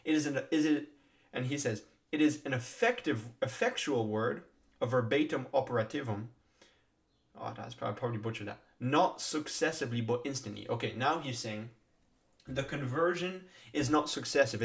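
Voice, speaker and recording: A man reading passages from a theology text and explaining them as he goes, thinking aloud, restarting phrases and stressing single words. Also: medium pitch. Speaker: theology commentator.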